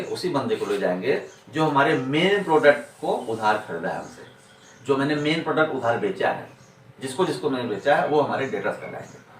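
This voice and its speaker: Man lecturing in an echoey room. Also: mid-range voice. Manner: repetitive, rhetorical questions answered himself. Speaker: accounting teacher. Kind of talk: explanatory classroom lecture. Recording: echoey room, distant mic, faint noise.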